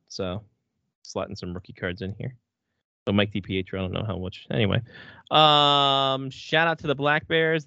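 A man's voice: mid-range voice, vocal fry, bright, forceful tone, no room sound, lo-fi sound. A man hosting a sports podcast with casual, slangy, bro-ish banter and loose swearing. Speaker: hockey podcast host.

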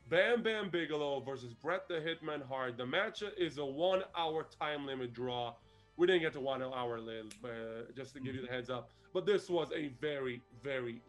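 A man casually recapping an old wrestling show as podcast co-host, animated and laughing often. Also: fairly high pitch, normal speed, soft background music.

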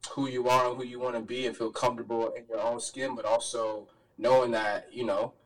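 A young man from Richmond, Virginia, guesting on a podcast, calm and reflective as he talks. His voice is mid-pitched and sounds somewhat far from the mic. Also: a little fast. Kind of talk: casual podcast chat.

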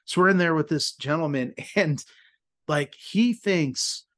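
Animated man in his thirties, higher voice. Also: unhurried. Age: 30s. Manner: animated, laughs often, acts out quoted lines. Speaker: podcast host. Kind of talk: casual storytelling in an interview.

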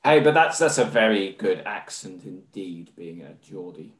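A man's voice: sits low, expressive. Man, English accent, formal conversational talk, echoey room. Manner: measured and formal, with many fillers. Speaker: podcast guest. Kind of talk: conversational interview. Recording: roomy echo.

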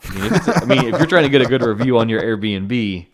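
A man co-hosting a podcast, relaxed and agreeable, casually retelling a film's plot. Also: medium pitch, fast. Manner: relaxed, agreeable, backchannels a lot. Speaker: podcast co-host. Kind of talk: casual film recap chat.

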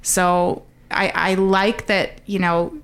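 A woman with a Canadian accent talks as an expert guest on a podcast. Her voice is smooth and slightly low, and she explains in a conversational, emphatic way. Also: little pitch movement, slow pace, a bit bright.

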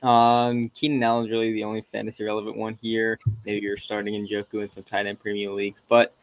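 A man's voice: lowish voice, completely flat delivery, a little fast, dry recording, low-quality recording. A man co-hosting a podcast, talking sports in a casual, conversational way. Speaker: podcast co-host.

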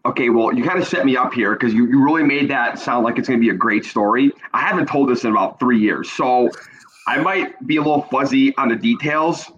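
A man's voice: medium pitch, a little fast, fairly bright tone, slight background noise. An American man as a podcast guest, chatting casually with sarcastic, self-deprecating humour. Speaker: podcast guest, youth hockey coach. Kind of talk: casual anecdote and banter. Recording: slightly dull, lo-fi audio.

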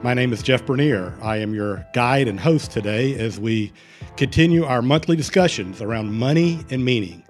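A man's voice: medium pitch, animated, normal speed, faint music behind. Hesitant man hosting a podcast. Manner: hesitant, many fillers and restarts. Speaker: podcast host. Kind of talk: casual interview hosting.

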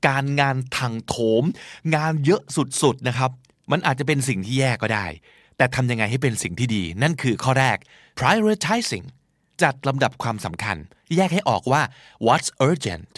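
Male podcast host, lively and swinging in pitch, dry close sound, slow careful English phrases. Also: no room sound. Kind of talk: solo podcast talk teaching English words.

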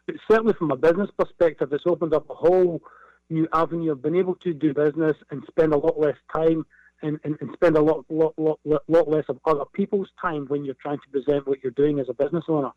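A man's voice: fairly high pitch, fairly even intonation, quick pace, no room sound, phone-quality sound. A man with a broad Scottish accent speaking conversationally as a business guest in an interview, often repeating words for emphasis.

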